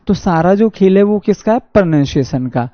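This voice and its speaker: A man with a Haryanvi accent teaching an online exam-prep English class, reading sentences slowly and answering his own questions. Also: high-pitched, animated, no echo. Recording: dull dry lo-fi audio.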